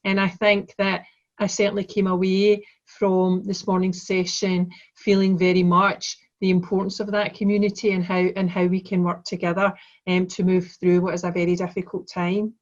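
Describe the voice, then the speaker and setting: A woman's voice: lowish voice, flat delivery, moderate pace. A woman with a broad Glaswegian Scottish accent, formally and courteously giving a chair's welcome address over a dull video-call connection. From Glasgow, Scotland. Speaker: conference chair giving opening remarks. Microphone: video call microphone.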